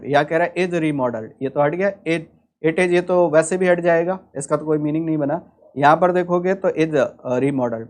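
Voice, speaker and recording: A man's voice: on the high side, darkish tone. A man with an Indian accent teaching English vocabulary in an online exam-prep lecture, explaining step by step and asking the class rhetorical questions.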